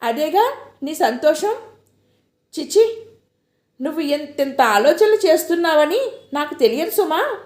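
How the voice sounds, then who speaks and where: A woman voicing a young married woman who is hurt and quick-tempered, speaking in an emotional, reproachful way. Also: high-pitched, animated, mellow, voice pushed up. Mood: tearful, accusing. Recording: echoey room.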